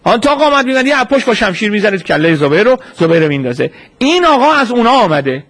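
High-voiced man preaching with rhetorical questions. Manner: asks himself rhetorical questions and answers them; acts out quoted speech in a lively retelling. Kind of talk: sermon storytelling.

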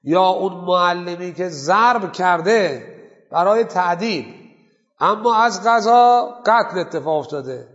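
A man's voice: high-pitched, animated, fairly bright tone, big-room sound, dull audio. A man teaching a seminary class on jurisprudence. He asks his students questions and then answers them himself. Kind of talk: Islamic jurisprudence class lecture.

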